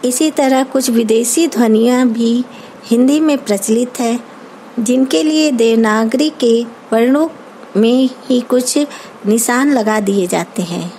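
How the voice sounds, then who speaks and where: A woman teacher with an Indian accent giving an online grammar lesson, explaining terms slowly and carefully, as if dictating. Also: fairly high pitch, warm tone, slight background noise, rough recording. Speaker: school teacher.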